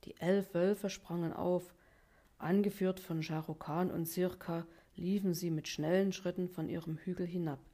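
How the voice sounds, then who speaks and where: A woman narrating a children's story aloud in a calm, even manner. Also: lowish voice, a little slow.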